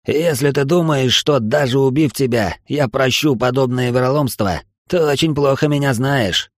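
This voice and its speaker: A man's voice: mid-range voice, normal speed, no room sound, clean studio sound, natural voice. A man voicing Eltmar, a sneering alien outlaw. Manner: sneering, mocking. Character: bitter spiteful alien male outlaw officer with tail spikes. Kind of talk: audiobook character voice.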